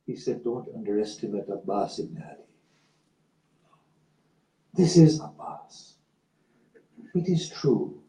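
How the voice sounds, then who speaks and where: A man giving a sermon, speaking in a measured, slow and emphatic way and telling a story. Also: fairly high pitch, dark tone. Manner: measured, slow emphatic delivery with rising passion in quotes. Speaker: religious speaker. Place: community centre hall. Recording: roomy hall from far off.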